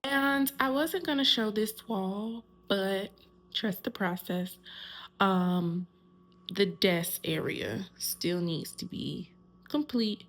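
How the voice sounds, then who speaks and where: A woman's voice: medium pitch, slow. A young woman chatting casually to viewers in a vlog, filmed on a phone. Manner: chatty, addresses viewers as y'all. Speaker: vlogger.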